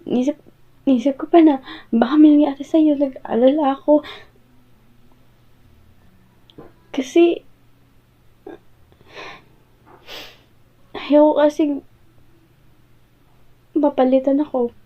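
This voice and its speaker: A woman with a Filipino accent playing a hurt, jealous girlfriend in an audio role-play, pleading and halting as she confronts her partner. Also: high-pitched, fairly even intonation, dark tone, close to an everyday voice. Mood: tearful, pleading. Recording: muffled, phone-like audio.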